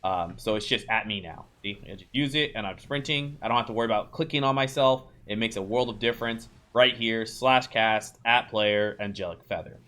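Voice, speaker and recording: A man's voice: fairly low pitch, a little fast, few pauses, fairly bright tone. A man giving a casual voice-over tutorial for a video game, talking loosely to his viewers with plenty of ums, uhs and restarts. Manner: loose and chatty, many ums and restarts, talks to viewers as "you guys". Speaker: game guide creator and streamer.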